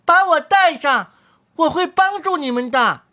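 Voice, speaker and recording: A woman voicing a tiny, bold and cheeky boy hero in a storybook reading, with a shrill, teasing way of calling out. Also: lively intonation, a little slow, full character voice. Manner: shrill, teasing, calls out loudly.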